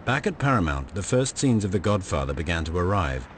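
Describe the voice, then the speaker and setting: Deep-voiced man narrating a documentary. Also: very animated, fairly quick, slight background noise. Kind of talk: scripted narration.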